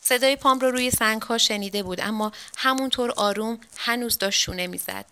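Woman storyteller, measured dramatic reading, bright voice. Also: a little high, smooth. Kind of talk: scripted story narration.

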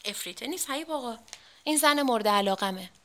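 An earnest young painter lad, as a woman narrator puts him on, urgent and pleading, pitched high and bright. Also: animated.

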